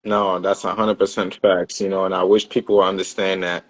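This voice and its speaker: A man's voice: low-pitched, flat delivery, fairly quick. A man talking as a guest in a casual chat, loose and full of fillers and restarts.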